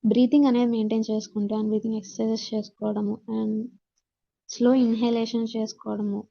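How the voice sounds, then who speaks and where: Speaking fast in a level, slightly high voice with some vocal fry, a Telugu-accented woman instructs from slides. She reads points aloud, then repeats and explains them in both Telugu and English. The highs are cut off in the recording.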